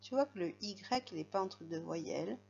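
A woman's voice: on the low side, animated, moderate pace, vocal fry, darkish tone, muffled recording. A woman teaching a young child to read, patiently spelling out letters and sounds. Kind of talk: reading lesson for a young child.

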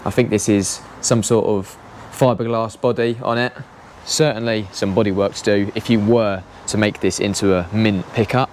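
A man's voice: fairly low pitch, steady tone, darkish tone. Young guy, casual car walkaround, chatty and easygoing, action camera outdoors, faint noise. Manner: chatty, easygoing, quick laughs. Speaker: car vlogger. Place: outdoor car auction yard in rain.

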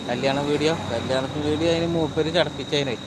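A man's voice: fairly high pitch, fairly even intonation, fast. A man with a Malabar Malayalam accent chatting informally and directly to viewers on a casual live stream. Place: outdoors at a roadside hill viewpoint. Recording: very noisy outdoor recording, insects, vehicles.

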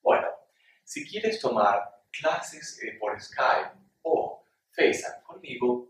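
A man in his thirties with an Argentine accent, a Spanish teacher giving a slow, clearly enunciated lesson for beginners. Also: medium pitch, fairly bright tone. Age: 30s. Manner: speaks slowly and deliberately for learners. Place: small room with whiteboard, indoors. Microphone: camera mic from a few feet away. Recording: very echoey room, mic at a distance.

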